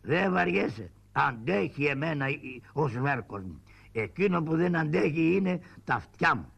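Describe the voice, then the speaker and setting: A man's voice: fairly high pitch, sing-song, creaky, a bit bright, slightly rough, exaggerated voice. A man voicing a scrappy, cheeky male shadow-puppet trickster in a shadow-puppet play. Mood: mocking. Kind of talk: shadow-puppet theatre acting.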